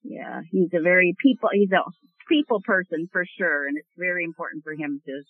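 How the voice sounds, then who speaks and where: A woman's voice: on the low side, brisk, no echo. Woman explaining things over a tinny phone line. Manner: explanatory, with frequent ums. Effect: heard over a phone line. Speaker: support worker joining a phone interview.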